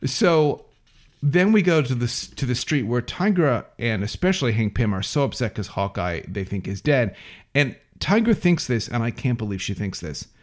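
A man's voice: medium pitch, big pitch swings, moderate pace. A man co-hosting a podcast in casual chat, recapping a story with a dry, sarcastic edge. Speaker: podcast co-host.

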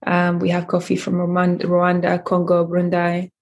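This Eritrean woman, founder of a coffee company, gives measured interview answers scattered with fillers and restarts. Her voice is fairly low and her delivery completely flat.

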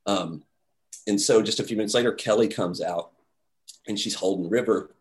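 A man telling a story in casual talk, animated, acting out quotes with many fillers. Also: fairly low pitch, a little fast.

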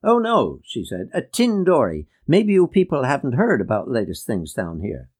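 A man's voice: mid-range voice, huge pitch swings, normal speed, a little mellow, husky. Man doing a prim, insistent Scottish lady. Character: earnest Scottish woman do-gooder.

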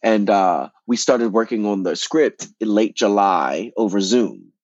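A man, an actor and playwright, telling his story as an interview guest in an animated way, often repeating words and restarting. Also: on the low side, unhurried, no echo, dull audio.

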